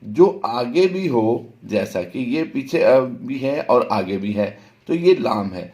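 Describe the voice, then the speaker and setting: A man teaching tajweed, spelling out letters slowly and then chanting the words in a drawn-out recitation. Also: medium pitch, animated, a little mellow. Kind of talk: tajweed lesson with recited examples.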